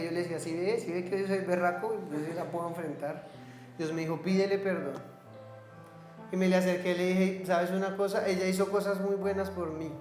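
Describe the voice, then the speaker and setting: A middle-aged Colombian pastor delivers a sermon in a fairly high voice, slipping into the voices of the people in his stories. His words ring around a reverberant church hall with faint music underneath. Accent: Colombian Spanish. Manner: storytelling, acting out dialogue, colloquial.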